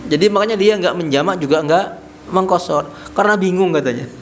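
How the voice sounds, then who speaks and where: A man's voice: high-pitched, fairly quick, slight background noise. A man giving an Islamic study lecture in a small prayer hall, addressing the men as "Pak" and posing questions to them that he answers himself. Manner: tags nearly every phrase with "Pak". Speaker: Islamic religious teacher. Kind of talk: mosque study-circle lecture.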